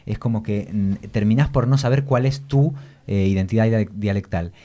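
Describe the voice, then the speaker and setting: A middle-aged Argentine writer with a low-ish, dark male voice speaks at a moderate pace in a relaxed conversational interview. Reflective and anecdotal, he uses tag questions, and his accent swings between Argentine Spanish and the Spanish of Spain.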